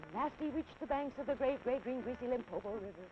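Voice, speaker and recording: A woman in her thirties tells a children's story with animated, dramatic rhythm, her fairly high voice swooping widely. The sound is dull and lo-fi, like an old 1950s television kinescope. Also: quick pace, over music. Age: 30s.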